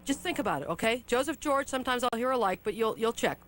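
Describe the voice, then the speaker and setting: A woman's voice: fairly high pitch, animated, quick pace, a bit bright. Intense woman psychic medium giving a reading. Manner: intense, insistent, questioning mind reader.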